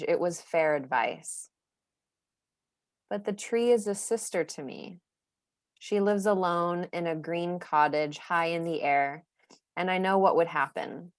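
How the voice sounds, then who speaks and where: A woman co-hosting a poetry and tea session, reading a poem in a calm, measured way. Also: lowish voice, no room sound, studio quality. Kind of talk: gentle poetry reading and chat.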